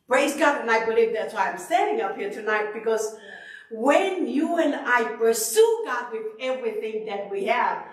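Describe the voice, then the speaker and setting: A middle-aged woman from Tonga preaching a sermon into a handheld mic in a church sanctuary, animated and emphatic, often repeating herself. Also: fairly high pitch, moderate pace. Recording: echoey hall, far from the camera.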